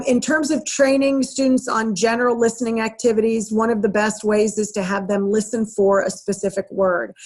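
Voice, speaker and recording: A woman's voice: medium pitch, a little mellow, slightly rough. A woman speech therapist lecturing teachers and parents, casual and practical, with frequent ums. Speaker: speech therapist presenting to educators.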